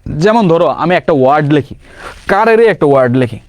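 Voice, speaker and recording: A young man teaching grammar for an exam-prep class, firing quick questions and answering them himself, casually mixing in English words. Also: fairly high pitch, expressive, darkish tone, no echo. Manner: quizzing with rapid questions and self-answers. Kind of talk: online exam-prep lesson.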